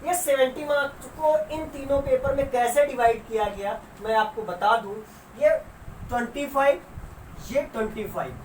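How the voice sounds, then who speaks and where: A woman's voice: high voice, normal speed, a little mellow, far from the mic. Woman teacher in an echoey room. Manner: asks students questions and answers them herself, calls them "beta". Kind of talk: classroom lesson. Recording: roomy sound with faint noise, away from the mic.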